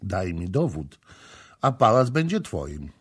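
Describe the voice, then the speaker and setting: A man voicing a jealous, proud Phoenician woman who makes shrill, demanding outbursts. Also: very animated, slow, slightly rough, exaggerated voice. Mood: furious. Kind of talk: audiobook character voicing.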